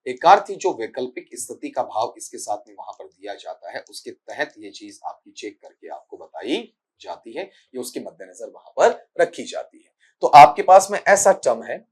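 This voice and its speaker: A husky-voiced man with a Rajasthani accent teaches English grammar for an exam, speaking at a normal speed in a mid-range voice with big pitch swings. He works through points step by step, quizzes his students and calls them "beta" in this exam-prep lecture.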